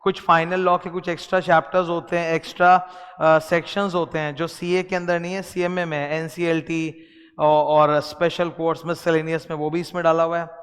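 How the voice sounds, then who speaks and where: Male teacher with an Indian accent, slightly high and smooth, lecturing with a long reverb tail. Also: little pitch movement, normal speed, a bit bright. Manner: explains in mixed Hindi and English, addresses students directly. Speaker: law teacher. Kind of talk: classroom lecture.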